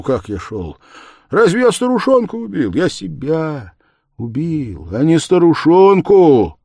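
A man's voice: on the high side, a little mellow, no echo, studio quality, pitched above the performer's own voice, full character voice. A male audiobook reader voicing a tormented, feverish young man who argues in agitated, bitter outbursts. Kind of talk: audiobook character voice.

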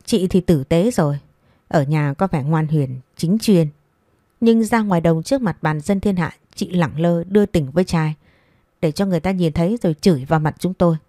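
A woman voicing a sharp-tongued old mother-in-law. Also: fairly low pitch, moderate pace, no echo, studio quality, close to an everyday voice. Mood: scornful.

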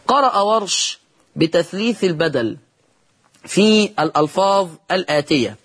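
A man with an Egyptian accent gives a televised recitation lesson in a notably high voice. He speaks patiently and draws out each example word in a slow chant before explaining the rule to his viewers. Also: animated, slightly rough. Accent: Egyptian Arabic. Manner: patient and encouraging, addresses viewers directly. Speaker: Quran recitation teacher.

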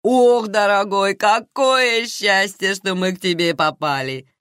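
A woman reader voicing a loud, fussy, doting middle-aged aunt who exclaims and fusses over everyone. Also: mid-range voice, slow, clear, resonant tone, no room sound, studio quality, voice pushed up. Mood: effusive fussing. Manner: effusive, exclaiming, fussing.

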